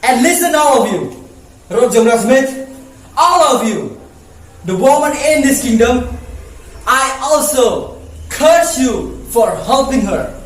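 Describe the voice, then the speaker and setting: A young man voicing a furious, powerful prince who slowly rants and hurls curses, recorded in an echoey room from a distance. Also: very high voice, lively intonation, pitched above the performer's own voice, exaggerated voice. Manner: slow, commanding, ranting.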